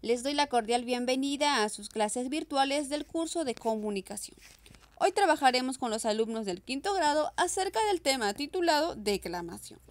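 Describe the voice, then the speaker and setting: A young woman teaching an online class, asking questions and answering them herself. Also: sits high. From Peru. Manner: lively questioning, answers her own questions. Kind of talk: virtual class lesson.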